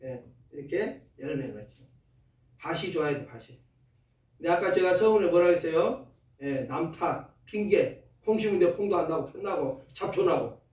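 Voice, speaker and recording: In an echoey church sanctuary, a Korean pastor whose voice sits high for a man preaches a folksy, lively sermon at a moderate pace, tossing rhetorical questions at his congregation. The muffled recording makes him sound a little distant from the mic.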